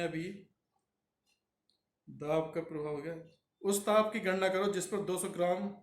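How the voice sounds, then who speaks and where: Slow, echoey man teaching chemistry. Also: a little high. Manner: slow, talks through arithmetic aloud. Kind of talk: explaining a chemistry problem step by step. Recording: roomy echo from far off the mic.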